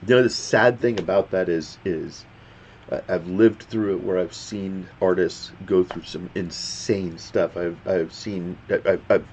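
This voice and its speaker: A reaction video host offers casual commentary, rambling and frequently stopping to start his sentences over. He has a low, slightly mellow voice. The recording is dull and lo-fi, with faint background noise.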